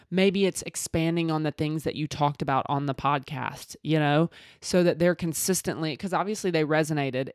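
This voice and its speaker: A woman's voice: deep voice, no echo, clean studio sound. A woman with an accent from the American South hosting a podcast, giving informal, direct advice straight to the listener. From Mississippi, southern United States. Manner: informal and direct, coaching the listener with rhetorical check-ins. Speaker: podcast host.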